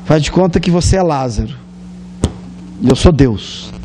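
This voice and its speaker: High-voiced Brazilian preacher telling a story. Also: male voice, normal speed, background noise. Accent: Brazilian Portuguese. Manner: lively storytelling, acts out scenes. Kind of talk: sermon.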